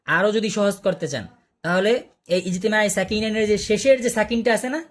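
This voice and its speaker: A man's voice: high voice, normal speed. Man, Quran recitation teacher, online class, patient, repeats sounds, asks the class questions, video call audio.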